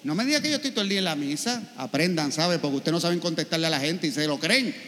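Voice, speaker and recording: A priest giving a sermon, telling stories and asking rhetorical questions. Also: male voice, on the high side, animated, fast, fairly bright tone. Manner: storytelling with acted quotes and rhetorical questions. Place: church. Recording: church with long reverb.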